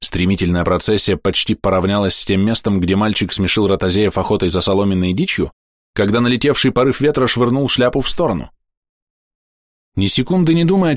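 A man reading a fantasy novel aloud as an audiobook narrator, measured and expressive, slowing down for dramatic moments. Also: medium pitch, no room sound, clean studio sound. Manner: measured, expressive storytelling with slowed dramatic pauses.

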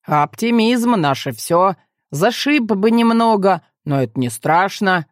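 A woman's voice: medium pitch, a little slow, no echo, clean studio sound, lightly acted. Woman doing a blunt teasing jock. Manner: deadpan, teasing, rough. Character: blunt, cheerful young male athlete and guard.

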